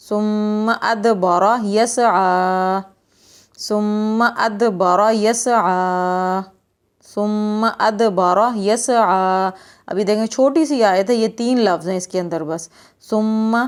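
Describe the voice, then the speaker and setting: A woman teaching children Quran recitation in a lesson, patient and encouraging, drawing out the verses slowly and then explaining quickly. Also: medium pitch, darkish tone.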